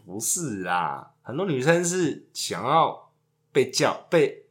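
A man's voice: mid-range voice, big pitch swings, takes it slowly. A man, co-hosting a casual chat and trading crude jokes. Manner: joking, crude banter. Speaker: podcast co-host.

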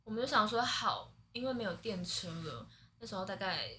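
A young woman with a Taiwanese Mandarin accent, a podcast guest telling a story in animated casual chat, swinging between laughter and near-tears. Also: medium pitch, brisk, slight background noise. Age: 20s.

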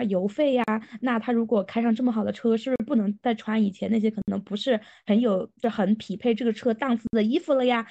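A woman in her late twenties with a hoarse, raspy voice, co-hosting a casual podcast chat. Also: a little high, dark tone, muffled recording. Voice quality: raspy when laughing. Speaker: podcast co-host.

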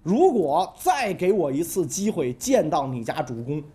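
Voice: medium pitch, sing-song, unhurried, warm tone. A storyteller voicing a scheming, ambitious male scholar-adviser who talks in a fawning, wheedling way. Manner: fawning, wheedling, keeps asking "right?". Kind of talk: comic history storytelling.

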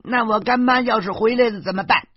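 A man's voice: extremely high pitch, brisk, husky, dry recording, voice pushed up. A man doing a prim, bossy little girl. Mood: worried. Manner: prim, lecturing. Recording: dull lo-fi recording.

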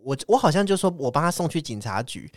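A man with a somewhat high, lively voice co-hosting a podcast. He tells stories quickly and chattily and laughs easily, and the sound is close and dry. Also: dry recording. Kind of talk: casual podcast chat.

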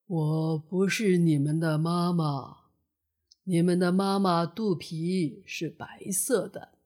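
A woman voicing a big, calm and kindly turtle, speaking low and slow.

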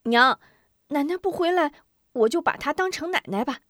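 A woman voicing an eager, curious young boy who speaks high and quickly. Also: expressive, fairly bright tone, dry recording, studio quality.

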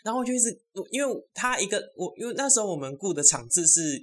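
A young woman, hosting a podcast and telling a story in an animated, gossipy way with loud exclamations. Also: medium pitch, fast. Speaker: podcast host. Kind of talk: casual solo storytelling.

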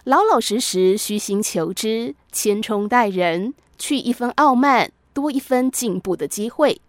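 A woman narrating a moral story in a measured, scripted storytelling style. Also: on the high side, animated, no room sound.

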